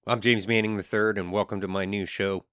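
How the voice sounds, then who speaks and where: A fairly low-pitched man speaks in an earnest, lecturing solo podcast monologue. He adds wry asides along the way. The sound is dry and close-miked, with no room around it. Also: level tone, fairly quick, a bit bright, clear, resonant tone, no echo. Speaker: podcast host.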